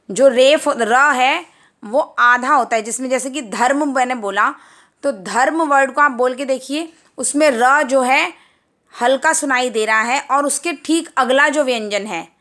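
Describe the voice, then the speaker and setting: A woman teaching Hindi grammar to young children, patiently repeating each word and sounding it out slowly. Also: high voice, a bit bright. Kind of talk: explaining grammar at a whiteboard.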